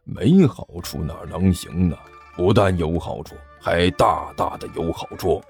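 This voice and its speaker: A low, gravelly old master, as a male storyteller puts him on, slow and drawn-out as he coaxes and soothes his hotheaded disciple. His rough, deep tone rides over faint background music in a storybook reading. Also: darkish tone, heavily acted. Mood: coaxing. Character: older male sect master, sly and coaxing. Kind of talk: storytelling narration with character voices.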